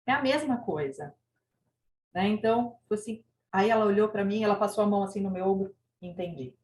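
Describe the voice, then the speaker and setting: A woman's voice: medium pitch, fairly quick, darkish tone, echoey room, a little hiss or hum. A woman from Brazil, an educator telling a school story in a training talk and acting out the dialogue. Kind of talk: online teacher training talk.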